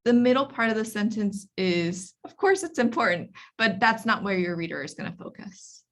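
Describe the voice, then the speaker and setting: A woman's voice: mid-range voice, animated, moderate pace, fairly bright tone. A woman teaching an online writing workshop, explaining step by step with frequent ums and restarts. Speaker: library workshop instructor. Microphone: video call.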